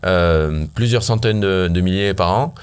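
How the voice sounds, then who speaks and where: A man's voice: sits low, measured pace, clear, resonant tone. A founder from Syria, telling his story animatedly in an interview, with many fillers and restarts. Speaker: startup founder guest.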